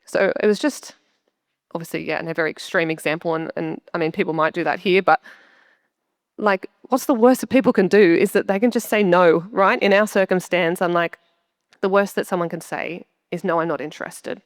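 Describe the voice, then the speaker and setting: A woman's voice: fairly low pitch, brisk, no echo, clean studio sound. A young woman sharing a heartfelt testimony in a church interview, chatty and earnest. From Australia. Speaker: church member interviewed on stage.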